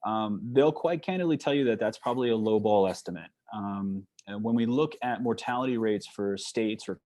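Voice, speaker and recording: A man with a Long Island accent, from New York, giving a fast-paced online talk as a psychologist, with frequent fillers and restarts. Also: lowish voice, a little mellow. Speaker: guest speaker, psychologist. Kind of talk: online presentation. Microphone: video call.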